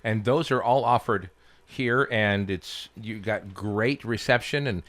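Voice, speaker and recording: A man's voice: on the low side, unhurried, a bit bright. A man hosting a radio interview in a studio, asking casual questions with light jokes. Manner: casual, joking, chatty questions. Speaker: radio host.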